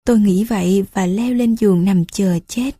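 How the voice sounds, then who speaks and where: A woman narrating a first-person story aloud in an unhurried, gentle reading. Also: medium pitch, dry recording, clean studio sound. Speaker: audiobook narrator.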